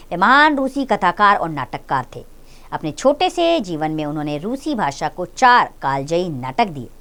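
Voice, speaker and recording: A woman teacher talks children through a story, stopping to explain hard words and to ask them questions. Her pitch rises and falls a great deal as she speaks to her young pupils. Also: a bit bright. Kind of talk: reading and explaining a story lesson.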